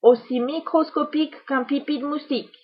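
A woman's voice: sits high, fairly even intonation, moderate pace, lo-fi sound, pitched above the performer's own voice, natural voice. A woman voicing a cheeky, clever little boy in a children's storybook reading, whining his refusals.

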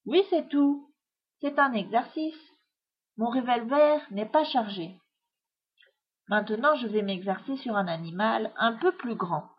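A woman voicing a gentle young male hamster in a storybook reading, calm and polite, on a dull lo-fi recording. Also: fairly high pitch, a little slow, breathy edge.

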